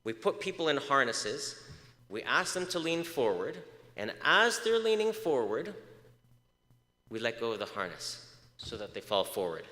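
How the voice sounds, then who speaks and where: A male research speaker with a mid-range, sharp-toned voice gives a public lecture in a large, reverberant hall. He keeps asking the audience questions, uses plenty of "uh" fillers, and now and then steps off the microphone.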